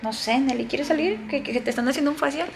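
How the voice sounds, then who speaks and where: A woman's voice: high-pitched, quick pace, creaky, slight background noise. A woman chatting casually to her viewers in a vlog, talkative and full of exclamations. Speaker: vlogger. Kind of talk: casual vlog chat to camera.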